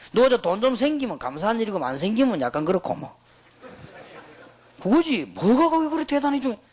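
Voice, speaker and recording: Animated high-voiced preacher man. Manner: emphatic, animated storytelling preacher. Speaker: pastor. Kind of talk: sermon to pastors.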